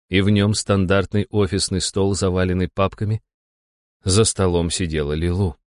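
A man reading a first-person audiobook in a measured, wry way. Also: on the low side, a little mellow, no echo, studio quality. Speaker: audiobook narrator. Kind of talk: first-person scripted narration.

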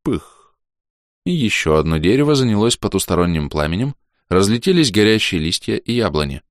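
Lively male audiobook narrator. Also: lowish voice, a little fast, dry recording, studio quality. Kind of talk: first-person audiobook narration.

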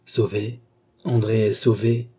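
A man's voice: fairly low pitch, measured pace, warm tone, breathy edge. A man doing a distraught young nobleman. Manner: agitated, broken outbursts. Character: young nobleman, grieving, hot-tempered brother.

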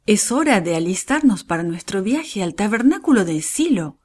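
A cheerful husband in a children's story, read by a woman, upbeat and teasing. The voice moves freely in pitch. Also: big pitch swings, normal speed, a little mellow, husky. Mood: eager.

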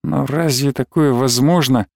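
A man reading a novel aloud as an audiobook narrator in measured, even storytelling. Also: mid-range voice, gravelly, no echo, clean studio sound. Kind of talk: scripted narration.

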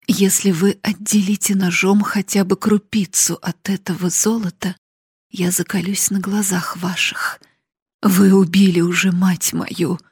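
A woman voicing a desperate young daughter who begs her father loudly, in an audiobook reading. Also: husky, no room sound, clean studio sound, full character voice. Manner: pleading, high and loud.

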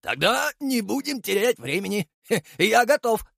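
A man voicing a gruff, lecherous sergeant-major who grumbles and swears in a coarse, sly way in an audiobook. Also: on the high side, sing-song, a little slow, a bit bright, no room sound, clean studio sound, voice pushed up, heavily acted. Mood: grumbling.

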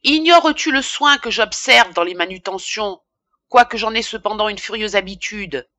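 Audiobook figure: woman reader doing an irascible, self-important male pharmacist, loud indignant tirades, bright tone. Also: mid-range voice, normal speed, no room sound, close to an everyday voice. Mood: ranting. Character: pompous middle-aged male apothecary, irascible.

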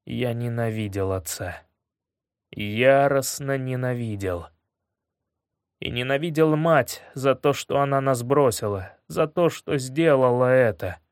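A man reading a first-person story aloud in a measured way, dropping low and quiet on grim moments. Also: clear, resonant tone, no echo, studio quality. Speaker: audiobook narrator.

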